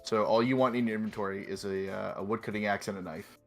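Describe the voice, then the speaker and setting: A man's voice: fairly low pitch, fairly even intonation, fast talker, faint music behind. A man co-hosting a gaming stream, patiently walking his partner through the game with lots of filler words. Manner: patient, instructive, with many fillers. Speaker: co-host guiding a game. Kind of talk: casual gaming stream chat.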